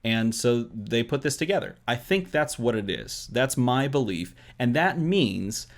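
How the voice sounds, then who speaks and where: Male vlog host, mid-pitched, overexcited babbler, rambles and speculates emphatically to viewers about a hobby. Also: big pitch swings, unhurried, creaky. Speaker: host of a trading card game video channel.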